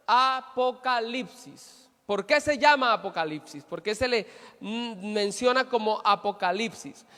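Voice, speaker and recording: A pastor delivers a sermon in a very high voice. He questions his listeners and answers them, and he hammers his points home with emphatic repetition. His voice carries a long reverb through a hall. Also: fairly bright tone.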